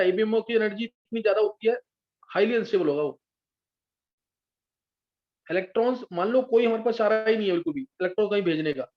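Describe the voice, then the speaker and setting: A man teaching chemistry in a live class, patiently explaining step by step and often checking whether his students follow. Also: sits high. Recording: dull lo-fi sound.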